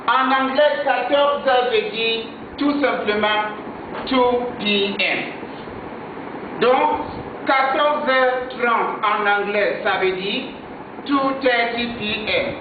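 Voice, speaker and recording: A male teacher giving a French lesson, slowly repeating words for dictation and stressing correct pronunciation. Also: very high-pitched, background noise. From Nigeria. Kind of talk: classroom language lesson. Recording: echoey, distant, phone-like lo-fi sound.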